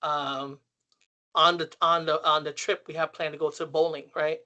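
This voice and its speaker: A man's voice: fairly high pitch, level tone, moderate pace, sharp tone, muffled recording. A man guest on an interview show, talking earnestly about running a senior social club, telling stories and repeating phrases as he goes. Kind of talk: casual interview talk.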